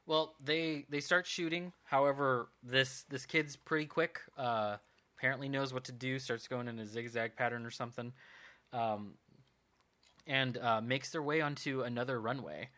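A man running a tabletop role-playing game, narrating the scene in a loose, rambling way full of ums and uhs. His voice is bright and forward, in a middle pitch. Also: steady tone, normal speed. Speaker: game master.

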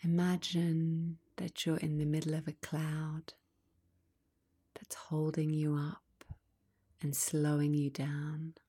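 A woman with a low voice leads a guided meditation in a soft, breathy near-whisper. She stays calm and unhurried, leaving long pauses between short phrases.

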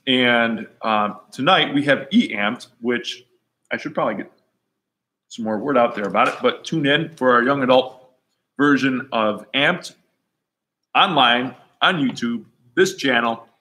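A man hosting an online talk show, chatting casually and relaxed, with fillers and restarts. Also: mid-range voice, unhurried. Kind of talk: casual chat.

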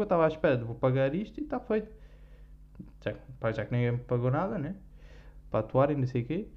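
A man's voice: mid-range voice, mellow, muffled recording. Young Portuguese man, rambling podcast chat. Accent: European Portuguese. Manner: rambling, self-deprecating, full of fillers. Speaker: podcast host. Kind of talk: casual storytelling chat.

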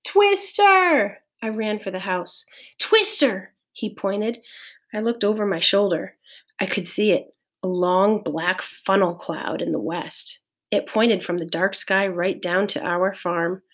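A woman reading a children's novel aloud in a measured, clear storytelling voice. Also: mid-range voice, fairly even intonation. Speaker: audiobook reader. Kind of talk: scripted narration of a children's novel.

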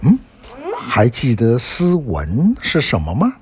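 Slow, husky man telling a story. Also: mid-range voice, wildly swooping pitch. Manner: gentle, asks the child questions. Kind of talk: bedtime story reading to a child.

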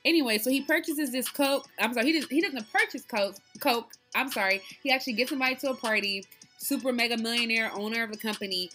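A woman co-hosts a podcast in a relaxed chat, her voice bright and forward. She talks in loose, animated runs and laughs easily. Faint music plays underneath. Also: fairly high pitch, fast talker. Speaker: podcast co-host. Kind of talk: casual chat, movie review.

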